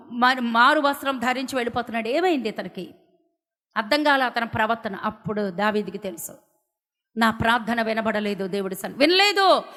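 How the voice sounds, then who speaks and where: Woman, preacher from India, fervent sermon, bright tone, long reverb. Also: sits high. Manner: fervent, swings from loud declaring to hushed pleading.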